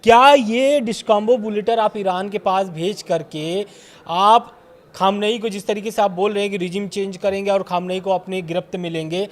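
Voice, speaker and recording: A man working as a news anchor on a studio panel, asking steady, leading questions. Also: high-pitched, moderate pace.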